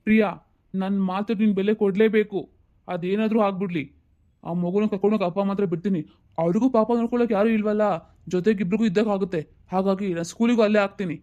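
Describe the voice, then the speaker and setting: A man playing a scolding, fast-talking husband. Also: sits high, fairly even intonation, darkish tone, muffled recording, close to an everyday voice. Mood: stern. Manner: scolding, bossy, rapid-fire. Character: stern angry husband and father. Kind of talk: amateur audio family drama.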